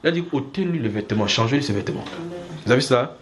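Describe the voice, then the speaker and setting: A man from Cameroon preaching a sermon to a congregation, lively, acting out small scenes and chuckling as he teaches. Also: fast talker, a little hiss or hum. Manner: lively, acts out little scenes with shifting pitch, chuckles while preaching.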